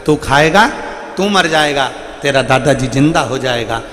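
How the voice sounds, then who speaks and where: Man playing a calm, wily guru. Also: mid-range voice, measured pace. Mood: persuasive. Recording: echoey hall with faint music.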